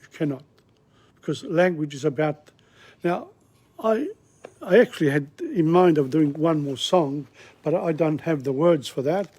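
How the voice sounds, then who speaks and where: A man's voice: a little high, lively intonation, a little slow, pauses often, a little mellow, husky. A man teaching an informal language lesson, talking in a rambling, digressive, chatty way. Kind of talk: casual spoken lesson. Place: Australia.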